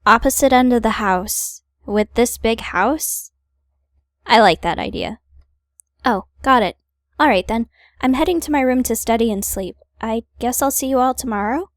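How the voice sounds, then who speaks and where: A woman's voice: a little high, normal speed, no room sound, clean studio sound. A woman hosting a gaming video, reading visual novel narration aloud with playful, wry casual asides.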